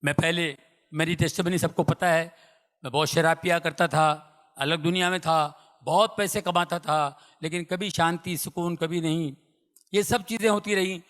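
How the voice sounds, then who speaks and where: A middle-aged man with a notably high voice preaches with emphatic repetition, pushing some lines loud and dropping others to a hush. His words ring out with the long reverb of a large hall. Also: steady tone, normal speed. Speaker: preacher giving testimony. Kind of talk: sermon.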